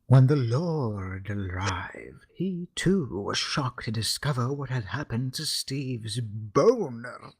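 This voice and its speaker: A man reads a made-up holy text aloud, slow and deliberate, with a faintly husky tone. He keeps a straight, solemn delivery while fighting off laughter and running short of breath. The reading is casual and amateur. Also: mid-range voice. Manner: reads slowly with deadpan solemnity, breaking into laughter. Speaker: reader. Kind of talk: comic reading aloud of a parody scripture.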